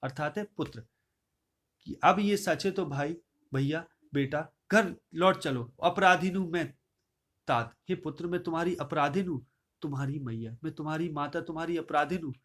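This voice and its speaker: A male teacher explaining a poem line by line, reciting each verse louder and then paraphrasing it in plain words. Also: a little high, moderate pace. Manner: repeats and rephrases words to explain them.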